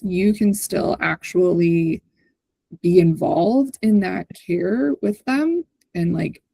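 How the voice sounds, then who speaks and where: On a low-quality recording with no echo, a woman with a lowish, creaky, dark, slightly rough voice hosts a community video call with screen sharing. Her walkthrough is informal and conversational, and she often checks in with listeners by ending points with "right?".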